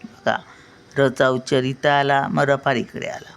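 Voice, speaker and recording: Older woman, patient teacher, gravelly and unhurried, stretches out syllables to demonstrate sounds. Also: very deep voice, level tone. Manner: slowly drawing out syllables to show pronunciation. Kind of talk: spelling and pronunciation lesson.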